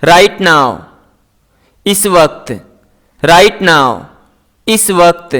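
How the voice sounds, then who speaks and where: A man teaching English words, saying each word and its meaning twice in a slow, deliberate drill. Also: high-pitched, lively intonation, fairly bright tone.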